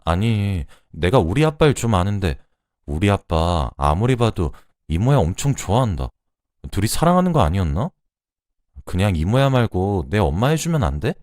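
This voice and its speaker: A man's voice: lowish voice, sing-song, moderate pace, a little mellow, no room sound, clean studio sound. A man doing a cheeky, bubbly young woman. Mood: teasing. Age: young adult. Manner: playful, pleading, teasing.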